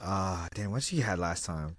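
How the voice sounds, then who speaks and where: A man co-hosting a casual fan podcast, talking fast and excited in slang, often restarting his sentences. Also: low-pitched, dry recording, studio quality. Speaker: podcast co-host.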